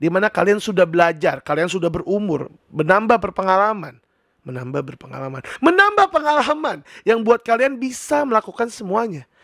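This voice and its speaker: High, gravelly man explaining casually. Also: brisk, hardly any pauses, no room sound, clean studio sound. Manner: chatty, animated. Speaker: personality teacher.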